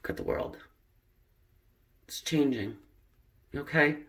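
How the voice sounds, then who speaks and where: A woman's voice: rumbling low, wildly swooping pitch, slow, vocal fry, a bit bright. A woman giving a pick-a-card tarot reading in a chatty way, with many fillers and laughing at the cards. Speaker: tarot reader.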